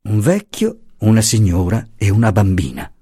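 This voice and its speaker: A resolute, tender young husband, read by a man in his own low, husky voice, kept hushed and firm. The storybook reading is close and dry. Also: huge pitch swings, moderate pace, dry recording, exaggerated voice.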